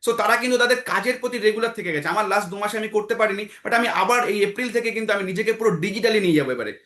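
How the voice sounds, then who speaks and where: Male trainer, high and bright, motivational talk in an echoey room. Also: rapid-fire. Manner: exhorting, repeats phrases, asks himself questions then answers. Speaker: trainer leading an online team meeting.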